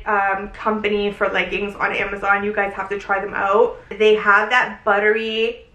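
A woman's voice: fairly high pitch, pushed and bright, roomy sound, low-quality recording. A young woman chatting effusively to her viewers in a casual haul vlog, filmed in her bedroom. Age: young adult. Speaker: fashion vlogger. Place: bedroom, indoors. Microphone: camera at a short distance.

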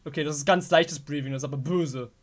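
A man's voice: fairly high pitch, fast talker. A young German man commenting on a horror game as he plays, muttering to himself and yelping at scares. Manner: jumpy, talks to the game characters, mutters under breath. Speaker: gaming video host.

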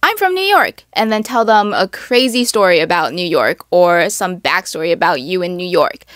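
A woman's voice: lowish voice, normal speed, dry recording, studio quality. A young woman hosting a casual advice talk, chatty and full of "like" and "literally.". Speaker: host.

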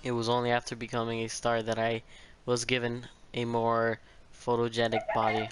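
A man voicing a vain, theatrical killer robot, reading game dialogue in a measured, deliberate way. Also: medium pitch, monotone, clean tone, faint music behind, natural voice. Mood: menacing, showy.

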